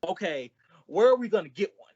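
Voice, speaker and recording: A mid-range, sing-song voice with a darkish tone delivers lines briskly, its highs cut off. The performer plays a bumbling, easily confused male sidekick in an old-time radio comedy, firing off wisecracking retorts while sounding baffled.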